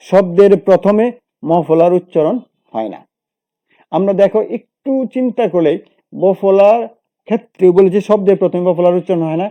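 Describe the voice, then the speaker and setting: A man talks through a lesson in a steady, methodical way, repeating each rule and walking through example after example. His voice sits a little high, but the tone is very dark and mellow. He stops to correct himself now and then. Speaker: teacher. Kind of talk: explaining a grammar lesson.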